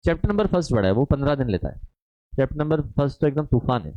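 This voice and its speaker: A man's voice: medium pitch, sing-song, fast, no room sound. A man teaching a live online exam-prep lecture, chatty and repetitive, often checking in with his students. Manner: chatty, repeats "है ना" constantly, reads student chat aloud. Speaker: online commerce exam tutor. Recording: dull dry lo-fi stream audio.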